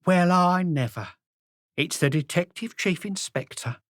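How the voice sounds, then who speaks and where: In an audiobook reading, a man voices a plump, gossipy middle-aged woman who runs a café, pitching his voice high, above his natural register, and speaking a little slowly in a bright tone. The character sounds surprised and chatty, chattering away with scorn and indignation. The studio audio is clean with no room sound.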